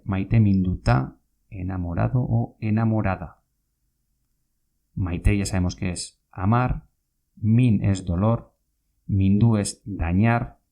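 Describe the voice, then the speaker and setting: A man teaching Basque vocabulary in a podcast lesson, speaking slowly and patiently and repeating each word. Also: lowish voice, gravelly, mellow.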